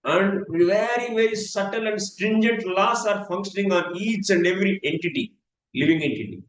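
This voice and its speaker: A man giving a scripture class, speaking in an earnest, repetitive way. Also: high voice. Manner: earnest, repetitive, swings between slow and fast. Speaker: spiritual teacher. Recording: echoey room with faint noise.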